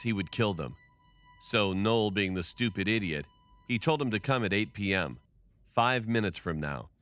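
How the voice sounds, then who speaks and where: A man giving a scripted first-person narration of a story in a steady storytelling delivery. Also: fairly low pitch.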